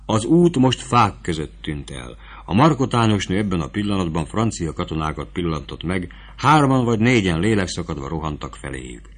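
A man reading a novel aloud as a narrator, in a steady, measured storytelling voice. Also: sits low.

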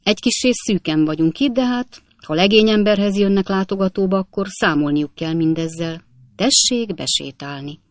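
Woman reading a bustling young student guy, loud and upbeat, storybook voice. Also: mid-range voice, no room sound, clean studio sound, close to an everyday voice. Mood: hearty welcoming. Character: cheerful young male medical student host.

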